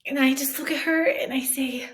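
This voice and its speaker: A woman telling a comic first-person story in an animated, self-mocking, dramatic way. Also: sits high, moderate pace.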